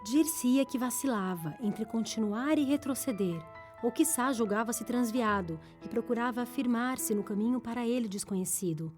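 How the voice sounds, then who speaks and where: Woman audiobook narrator, steady measured delivery, faint music bed. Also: fairly high pitch.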